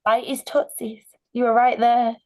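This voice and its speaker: A woman's voice: a little high, little pitch movement, measured pace, low-quality recording. A woman co-hosting a podcast in casual, chatty talk.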